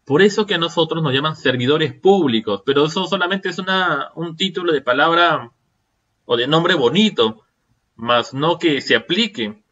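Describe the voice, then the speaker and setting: A man's voice: a little high, moderate pace, sharp tone, lo-fi sound. Man lecturing with rhetorical questions. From Peru. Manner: rhetorical questions, frequent checking "¿sí?". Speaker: seminar lecturer. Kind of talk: online seminar lecture.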